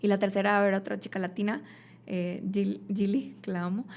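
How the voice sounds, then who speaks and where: Lively Mexican woman with a gravelly voice. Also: mid-range voice, a little fast. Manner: animated storyteller, acts out quoted voices. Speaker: guest. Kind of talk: casual podcast conversation.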